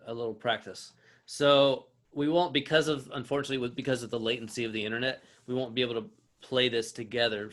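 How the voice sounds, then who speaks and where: A man's voice: mid-range voice, fairly bright tone. A man teaching an online acoustic guitar lesson, explaining with restarts and fillers and counting beats aloud while he plays. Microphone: video call.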